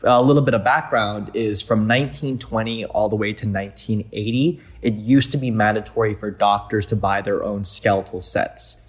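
A man's voice: lowish voice, normal speed, few pauses. A young man from Thailand, a museum founder, answering interview questions earnestly with frequent fillers.

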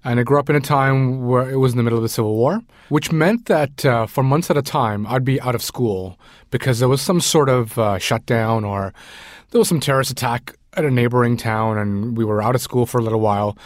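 A Sri Lankan food writer in his forties chats casually as an interview guest, peppering his speech with ums and uhs. His medium-pitched voice runs a little fast, captured in studio quality with no echo.

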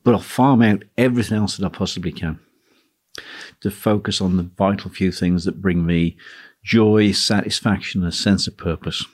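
Low voice, husky man, relaxed musing business talk. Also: normal speed. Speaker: podcast host, guitar teacher. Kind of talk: casual solo business talk.

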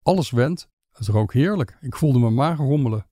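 A man narrating an audiobook in a calm, measured, matter-of-fact way. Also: mid-range voice, dry recording, clean studio sound.

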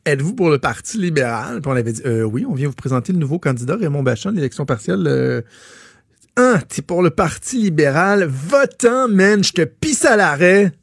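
A radio co-host with a Quebec French accent chats casually in a radio studio, laughing as he tells stories with animated energy. His fairly high, creaky voice moves briskly, recorded on a studio mic with clean sound and no echo.

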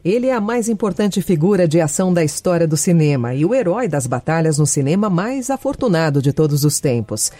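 Culture presenter, Brazilian accent, mid-pitched, mellow tone, scripted narration. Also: no echo.

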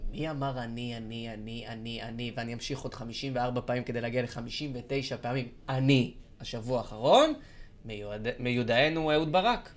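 Dude hosting a pod, steady voice, walks you through his point bit by bit. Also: medium pitch, slight background noise. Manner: steering the talk, builds points step by step. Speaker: podcast co-host. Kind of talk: casual chat.

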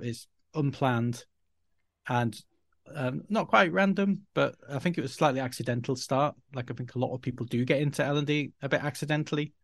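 This middle-aged Yorkshireman, speaking with his home accent, rambles along in a self-deprecating way as a podcast guest in casual interview talk. His voice is mid-range, with no room sound.

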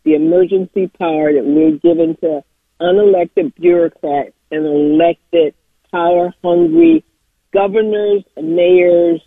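A woman's voice: lowish voice, dry recording. Woman caller on fuzzy distorted speakerphone. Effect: distorted speakerphone fuzz. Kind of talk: call-in talk radio. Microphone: phone on speaker. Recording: tinny, distorted phone line.

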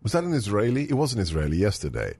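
A male talk show host with a very lively, swooping delivery, full of sarcasm and disbelief. His voice is close and dry, with no room sound around it. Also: on the low side, very fast, creaky, slightly rough, dry recording. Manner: animated, sarcastic, incredulous. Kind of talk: political talk radio chat.

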